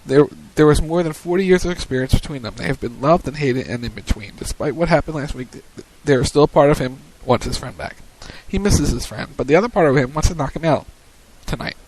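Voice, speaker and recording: A man's voice: fairly high pitch, fast talker, a little mellow, a little hiss or hum, low-quality recording. Man recapping wrestling on a radio show. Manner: plays matches like a commentator. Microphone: studio mic on a web radio show.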